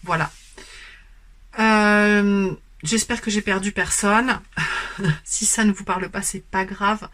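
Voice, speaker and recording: A woman giving a spoken tarot card reading. She explains gently and pauses often, filling the gaps with hesitant fillers. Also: mid-range voice, steady tone. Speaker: tarot and oracle card reader. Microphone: camera on a stand.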